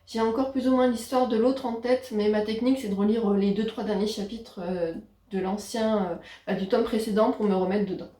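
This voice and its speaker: A woman chatting casually about her latest books as a book vlogger, talking in a hesitant way with frequent pauses. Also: mid-range voice, fairly even intonation, warm tone. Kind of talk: casual book haul chat. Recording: roomy echo.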